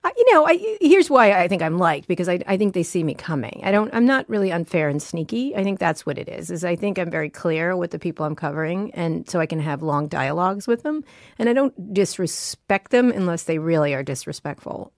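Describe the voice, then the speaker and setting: A woman tech reporter answers interview questions in a studio with a lowish voice full of gravelly fry. She sounds self-assured and blunt, piling up quick fillers as she goes. The recording is close and dry. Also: expressive, no room sound. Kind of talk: conversational interview.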